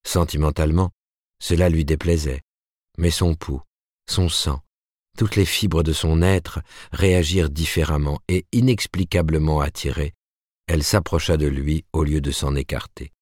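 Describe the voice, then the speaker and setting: A man narrating a novel aloud in a measured, even storytelling manner. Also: rumbling low, dry recording, clean studio sound. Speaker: audiobook narrator. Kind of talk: scripted narration.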